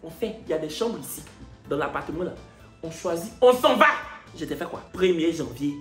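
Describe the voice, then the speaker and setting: A man's voice: a little high, a little fast, reverberant, faint music behind. A man with an Ivorian French accent, a comedian telling a story and acting out each part of the dialogue. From Côte d'Ivoire. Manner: animated, acts out every part of the dialogue. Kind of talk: comic storytelling.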